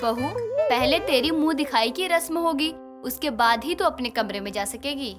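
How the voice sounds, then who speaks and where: A woman's voice: high voice, normal speed, over loud music, close to an everyday voice. Woman doing a fretful, scolding mother-in-law. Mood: warm. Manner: worried, scolding gently.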